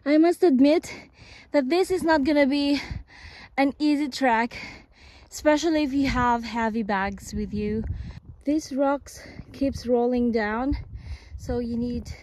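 A woman's voice: sits high, measured pace, darkish tone, a little hiss or hum. A woman in her thirties vlogging a mountain hike, explaining the trail and giving practical tips. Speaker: travel vlogger. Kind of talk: travel vlog, narration and on-camera talk. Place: outdoors, parking lot and mountain trail.

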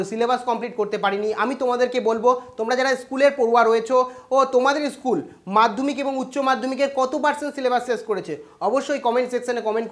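A host giving an exam news update to students, talking quickly with frequent "ah" fillers and English loanwords. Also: mid-range voice. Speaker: education news channel host.

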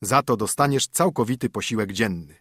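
A man's voice: lowish voice, a little fast, a bit bright, slightly rough, no echo, studio quality. A man reading a fairy tale audiobook, voicing a stern poor minstrel husband who commands and scolds his wife. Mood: scolding.

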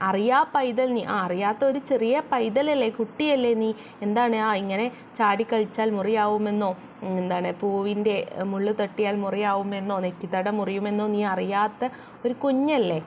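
A woman's voice: medium pitch, a little hiss or hum. Woman teaching a school poem. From Kerala. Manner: reads verses slowly, then explains with quick questions and answers.

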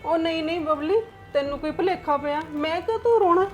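In a family short drama, a woman plays a sorrowful older mother in tears, pleading in a high voice. The delivery stays tearful and heavy with grief. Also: fairly quick, soft background music. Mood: denying. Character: aging mother, tearful, cast out by sons. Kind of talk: Punjabi short film acting.

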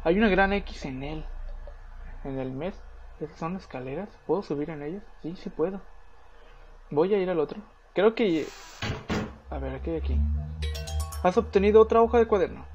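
A man's voice: fairly high pitch, moderate pace, long pauses, a little mellow, dull audio, a little hiss or hum. A man commentating a horror game, reading its text aloud and swearing and yelping when scared. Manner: swears and yelps when startled. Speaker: gameplay commentator.

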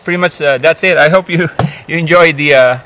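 A man in his fifties, a hiking vlogger, perches on a rock in the forest and speaks casually to camera with plenty of fillers, hesitations and restarts. His fairly high voice is bright and forceful, a little fast, on poor audio.

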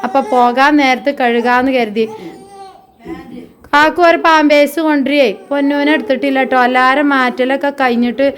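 A high-pitched woman talks her viewers through a casual home vlog. Her voice stays bright and chatty as she speaks to them directly from her family home. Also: fairly even intonation, brisk. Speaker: family vlogger.

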